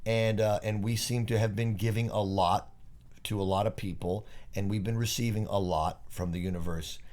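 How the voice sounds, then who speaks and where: Low-voiced older man telling easy stories. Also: fairly even intonation, normal speed, darkish tone. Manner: easygoing, rambling storyteller. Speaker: co-host. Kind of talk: casual chat. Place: in bed on vacation.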